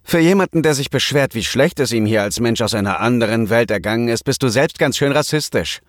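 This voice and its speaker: A man's voice: mid-range voice, lively intonation, a little fast, no room sound, clean studio sound, voice pushed up, lightly acted. A man reading a German audiobook, voicing a bold, carefree young woman with a breezy, cheeky manner. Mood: sharp.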